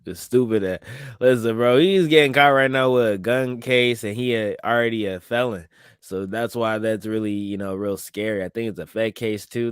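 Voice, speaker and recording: A man's voice: medium pitch, smooth, dry recording, studio quality. A man hosting a podcast, chatting loosely in slang about news clips and laughing at his own remarks. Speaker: podcast host. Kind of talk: casual commentary on news clips.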